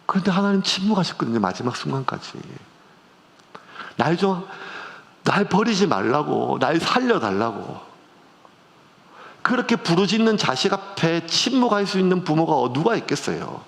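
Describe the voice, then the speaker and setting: A man's voice: a little high, sing-song, moderate pace, creaky, a bit bright. A middle-aged male pastor, preaching a conversational sermon with strong emotional swings. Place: church sanctuary. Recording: long church reverb.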